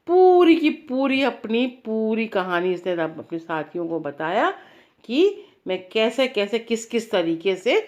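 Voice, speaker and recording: A woman telling a bedtime story aloud to a child. She talks in an informal, rambling way and turns to address the child directly now and then. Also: mid-range voice.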